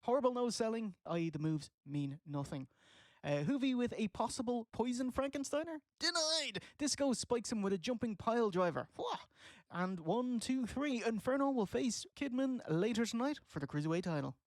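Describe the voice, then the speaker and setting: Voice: medium pitch, animated, normal speed, a little mellow, dry recording. A podcast co-host recapping wrestling play-by-play with dry quips.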